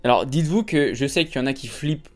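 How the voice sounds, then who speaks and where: A man's voice: medium pitch, quick pace, a little mellow, faint music behind. A young man doing casual, joking reaction commentary on videos, often laughing.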